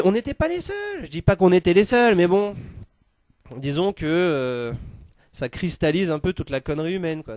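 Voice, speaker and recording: A male comedian rambling through a casual comic story, full of fillers and loose asides. His voice sits high for a man, and the sound is close and dry. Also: a little mellow, no echo. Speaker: comedian narrator.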